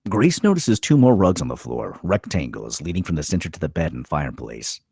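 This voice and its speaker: A male narrator dramatically reads scripted stage directions in a deep, rough-edged voice with lively rises and falls. He speaks a little fast, and the studio recording is clean with no room sound.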